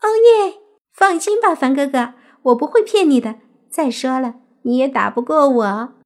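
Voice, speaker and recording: Actress as a high-voiced, coaxing fox-spirit girl, teenage, sweetly whiny, for an audiobook. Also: moderate pace. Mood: gleeful. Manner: whiny wheedling, cute pleading. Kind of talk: audiobook character acting.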